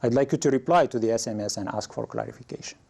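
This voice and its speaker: A man with a creaky, slightly mellow and somewhat rough voice teaches an English lesson. He explains situations slowly and lifts his pitch whenever he reads out example phrases.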